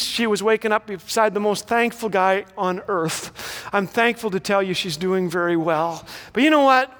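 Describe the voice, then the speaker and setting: A middle-aged man with a high-pitched, fairly bright voice gives a graduation speech that is both humorous and inspirational. He tells stories with comic timing, and the hall adds an echoey reverb.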